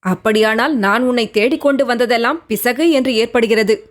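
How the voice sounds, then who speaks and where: A woman voicing a gentle young prince who coaxes and pleads with the woman he loves in an audiobook. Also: on the high side, moderate pace, lightly acted. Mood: tender. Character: young prince, tender, coaxing, devoted lover. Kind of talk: audiobook character reading.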